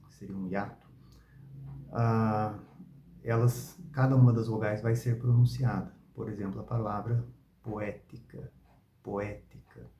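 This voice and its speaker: A man teaching Latin pronunciation, explaining calmly and repeating each example word three times. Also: fairly low pitch, echoey room, poor audio. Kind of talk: spoken lesson with repeated example words.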